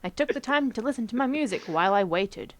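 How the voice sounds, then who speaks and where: Brief: let's play host reading a visual novel; young woman, bright-ish high voice, playful and chatty, dry recording. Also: animated, fast, dry recording. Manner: playful, giggly, chatty asides between narration.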